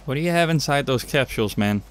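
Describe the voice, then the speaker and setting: A young man with a Danish accent, from Denmark, talks at a quick pace in an expressive, mid-range voice. He's a gaming YouTuber doing let's play commentary indoors at his home setup, making jokes at his own expense as he plays.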